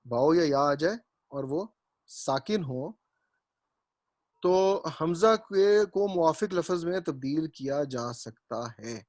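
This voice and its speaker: A man with a somewhat high voice leads a grammar class, explaining each rule patiently and repeating himself so nobody falls behind. He keeps asking whether it is clear before moving on. The recording is close and dry, with almost no room sound. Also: a little mellow, no room sound. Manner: explanatory, repeats points and checks understanding. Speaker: Arabic grammar teacher. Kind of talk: classroom lecture.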